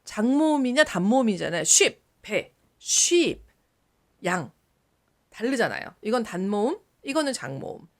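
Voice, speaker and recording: In a casual video, a woman gives a lively English lesson, moving between polite and casual speech as she sounds out example words. Her voice sits on the high side and runs a little fast.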